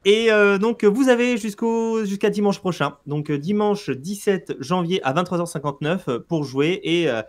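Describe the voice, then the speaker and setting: A man's voice: high voice, expressive, moderate pace, few pauses. A man co-hosting a let's play video, chatting casually and playfully with lots of fillers. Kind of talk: casual gameplay chat.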